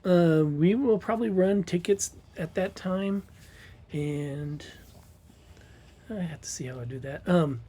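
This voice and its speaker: Convention organizer, man, husky voice, slightly high, rambling chatty delivery. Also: slow pace, long pauses, dark tone. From Missouri. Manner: rambling, filler-heavy promotional talk. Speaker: convention organizer and podcast co-host. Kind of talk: casual chat.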